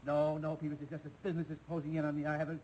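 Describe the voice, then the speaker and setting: In a 1950s live TV sitcom, a man plays a jovial, scatterbrained middle-aged school principal, talking in a hearty, chummy way. His voice is fairly high, monotone, rapid-fire, a little mellow, and close to an everyday voice. The old TV recording is rough and faintly hissy.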